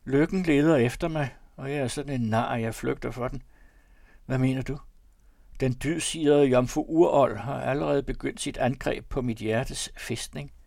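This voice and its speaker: A man's voice: mid-range voice, fairly even intonation, creaky, darkish tone, dry recording, natural voice. A haunted, melancholy young man, read by a man in an audiobook, solemn and confiding. The voice sits mid-range and the sound is close and dry, with no room around it. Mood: brooding. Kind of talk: audiobook reading of classic fiction.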